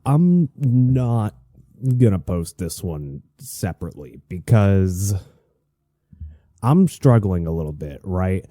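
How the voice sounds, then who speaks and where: A deep, very mellow man's voice with a slightly stuffy edge, recorded dry. He hosts a solo show in a casual, confessional way, often halting and doubling back on his own sentences. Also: very animated, no echo. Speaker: host of a solo online show.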